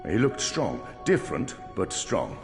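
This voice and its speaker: Proud stern army general for a game, real deep, formal, music underneath. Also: male voice, wildly swooping pitch, heavily acted. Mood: grave, troubled. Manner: grave, measured, formal. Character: stern, proud male general, commanding and aggrieved. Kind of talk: dramatic video game acting. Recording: reverberant hall with music.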